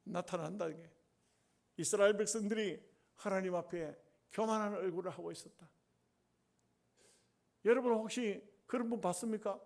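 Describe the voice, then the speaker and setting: A male pastor, preaching a sermon with emphatic, drawn-out phrases and folksy humorous asides. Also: sits high, creaky, a little mellow.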